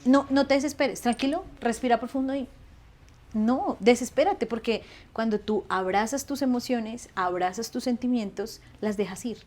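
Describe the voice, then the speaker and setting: A woman, chatting as an interview guest in an animated way, laughing often. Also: a little high, normal speed. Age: 30s. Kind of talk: casual conversational interview.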